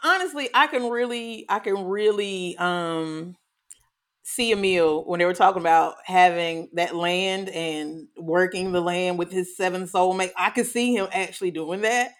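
A woman co-hosting a podcast in a casual chat, animated, often laughing and trailing off with ums. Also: lowish voice, a little slow. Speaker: podcast co-host.

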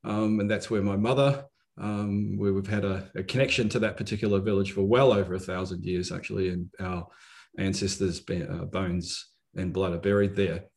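Man, fifties, lowish voice, New Zealand accent, reflective conversational delivery, halting, frequent pauses. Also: steady tone, gravelly, a little mellow. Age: 50s. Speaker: podcast guest. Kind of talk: reflective conversational self-introduction.

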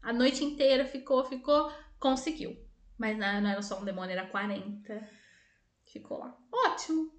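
A woman co-hosting a casual podcast, telling eerie stories in an animated way, laughing often and slipping into voices for the people in them. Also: a little high, normal speed, reverberant. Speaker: podcast co-host. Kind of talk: casual storytelling chat.

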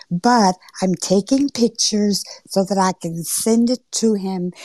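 Here a middle-aged woman from Georgia and New York takes part in a live audio forum's roundtable discussion as a panel speaker. Her pitch is medium, the recording is dry, and her accent mixes Southern and Northern US lightly while she narrates slowly with lingering phrases and soft side comments.

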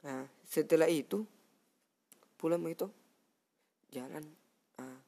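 A young man from South Sulawesi with a Makassar Indonesian accent, telling a story in casual chat on a cheap headset mic, animated and acting out sounds. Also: on the high side, takes it slowly. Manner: animated, mimics sounds and acts out friends' lines. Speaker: guest storyteller.

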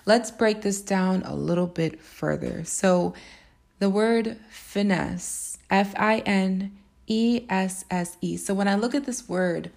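Reflective woman with a gravelly edge. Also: medium pitch, slow, darkish tone. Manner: musing, spiritual, playful asides with laughs. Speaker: podcast host. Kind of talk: reflective solo podcast monologue.

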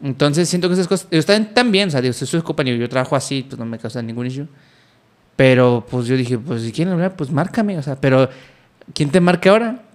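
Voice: medium pitch, quick pace. A speaker in a casual chat, talking hesitantly with many restarts.

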